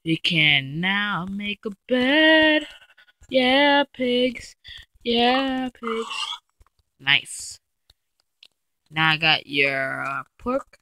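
A woman giving casual, chatty gameplay commentary, talking straight to her viewers and getting excitable and easily frightened as she plays. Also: mid-range voice, extremely slow, pauses often, no echo. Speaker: let's play gamer.

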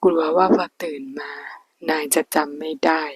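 Lady doing a sweet soft young guy, whispered role-play, super breathy. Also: fairly high pitch, fairly even intonation, normal speed, no room sound, low-quality recording. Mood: anxious. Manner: soft, coaxing. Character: young man, tender, teasing lover.

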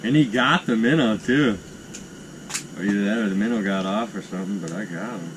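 Excited young Midwestern man ice fishing. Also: lowish voice, a little fast. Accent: Upper Midwest American. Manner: excited, exclaiming over catches. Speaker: fishing vlogger. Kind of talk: casual outdoor commentary. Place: frozen lake outdoors at night. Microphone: action camera on the ice. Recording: outdoor camera with steady background noise.

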